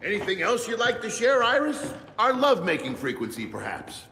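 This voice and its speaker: An actor playing a sardonic male engineer who talks in quick sarcastic quips. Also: high voice, huge pitch swings, sharp tone, a little hiss or hum, full character voice. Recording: game music behind.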